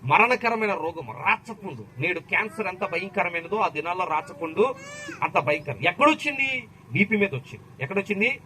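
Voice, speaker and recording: A man's voice: high voice, expressive, a little fast, pushed and bright, a little hiss or hum, rough recording. A man from Andhra Pradesh preaching an impassioned sermon, firing rhetorical questions at the crowd and calling out hallelujah. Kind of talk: fervent sermon.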